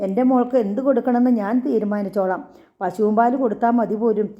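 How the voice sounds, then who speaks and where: A woman's voice: medium pitch, fast talker, lightly acted. Woman reading as pleading young mother Kalyani. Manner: whiny, pleading. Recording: echoey, slightly dull recording.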